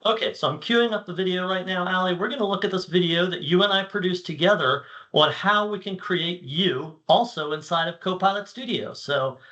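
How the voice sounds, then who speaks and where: Man, conference presenter, bright tone, slightly high voice, friendly, relaxed. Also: a little fast, hardly any pauses. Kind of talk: casual presentation.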